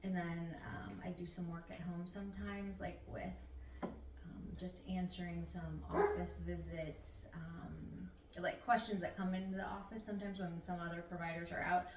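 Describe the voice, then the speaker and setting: Answering an interviewer, the middle-aged nurse practitioner is easygoing and chatty, her replies slightly meandering. Her fairly low voice keeps a fairly even intonation at normal speed, and the sound is roomy, with a distant mic and faint noise.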